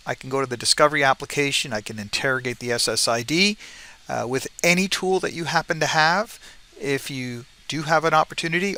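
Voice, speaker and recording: A presenter with a medium-pitched, bright, forceful voice gives an informal technical tutorial. He keeps it conversational, frequently checking in with the listener by asking "right?" as he explains.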